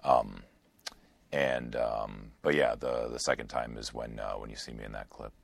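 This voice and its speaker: A man's voice: rumbling low, fairly even intonation, moderate pace, creaky, dry recording. A man, a trauma surgeon, answering interview questions earnestly, with many fillers and restarts. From United States.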